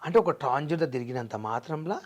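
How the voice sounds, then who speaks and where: A man's voice: a little high, expressive, fast talker. A young man, talking earnestly and emphatically as an interview guest, mixing in English phrases. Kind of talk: emotional personal interview.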